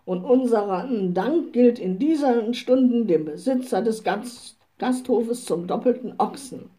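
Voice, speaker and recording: A woman's voice: a little high, animated, measured pace, mellow. A woman doing a pompous club captain. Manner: pompous, formal speech. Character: stiff, pompous male rifle club captain.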